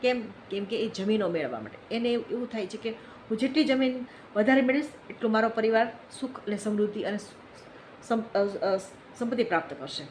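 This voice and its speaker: A woman's voice: a little high, lively intonation, a little fast, a little mellow, slight background noise, poor audio. A woman giving an earnest, reflective moral talk, telling stories and repeating phrases for emphasis. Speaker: speaker on social issues.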